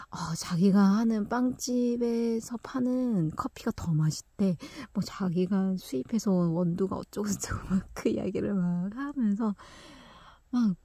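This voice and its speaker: A young woman tells a personal story in a casual, chatty way, laughing often and dropping into quiet whispered asides. Her mid-range voice is husky and mellow. She's recorded close up in a dry room with no room sound.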